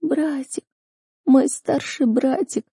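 A frail, worn-out young girl who has been held captive for years, her high voice trembling and catching on sobs, as a woman reader puts her on. The tone is soft and husky, with a dry, close sound. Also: unhurried, dry recording, full character voice. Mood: tearful. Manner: sobbing, weak and broken.

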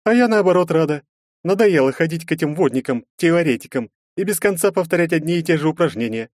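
A man voicing a sharp-tongued young woman student in an audiobook, mocking and lecturing. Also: on the high side, expressive, fast talker, no room sound, studio quality, voice pushed up, lightly acted. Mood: pleased. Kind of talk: audiobook narration.

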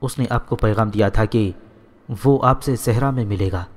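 A devoted, simple-hearted house maid, read by a man in his own low voice. She is read without any change of voice, plainly and steadily, as in a storybook. A long reverb trails behind every line. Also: natural voice. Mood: devoted, pleading.

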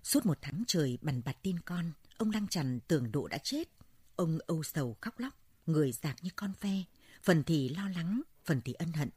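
Low husky woman telling a story. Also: expressive, normal speed, a little mellow, no room sound. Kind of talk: scripted story narration.

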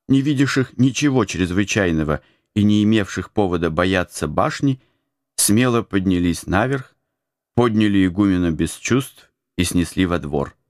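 A man with a very deep voice reads a novel aloud, telling it with dramatic expression. The recording is dry and close to the mic, with no room echo. His delivery stays that of a storyteller. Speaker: audiobook narrator. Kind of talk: scripted narration.

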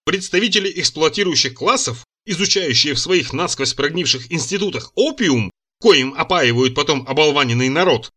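A furious, sharp-tongued woman activist, read by a male narrator. She lashes out with indignant accusations in a bright, lively voice. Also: on the high side, moderate pace. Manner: indignant, snapping. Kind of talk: audiobook character reading.

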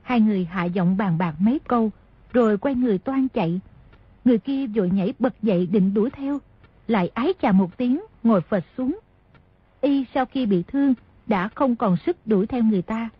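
A woman narrating a martial-arts novel as an audiobook, telling the story at a steady pace. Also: fairly high pitch, normal speed, husky, no echo. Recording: dry, dull lo-fi audio.

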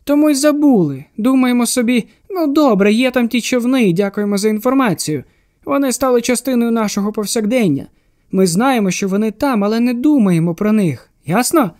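A man's voice: very high voice, a little fast, a little mellow, pitched above the performer's own voice. A man voicing a grinning, rambling male asylum patient in an audiobook, eager and insistent. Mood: manic. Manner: eager, insistent, childlike sing-song. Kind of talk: audiobook character voice.

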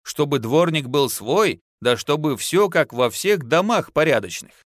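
Man playing a boastful young husband, easygoing, folksy, lively voice, audiobook. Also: on the high side, unhurried, dry recording, clean studio sound, pitched above the performer's own voice. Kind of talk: audiobook narration.

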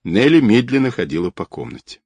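A man narrating an audiobook in a measured, expressive reading. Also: on the low side, breathy edge, dry recording. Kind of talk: scripted narration.

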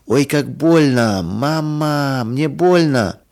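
Man doing a shrill little storybook girl. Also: a little fast. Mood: wailing. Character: remorseful little girl, quick-tempered but penitent.

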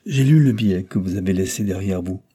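A man's voice: low voice, expressive, a little fast, warm tone, husky. A man reading an audiobook plays a stern older aristocrat, the count, who lectures and reproaches in a severe tone. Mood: reproachful.

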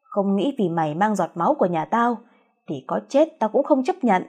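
A woman doing a shrill spiteful old mother-in-law. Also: animated, normal speed, a little mellow, slightly rough. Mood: furious. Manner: screeching, scolding.

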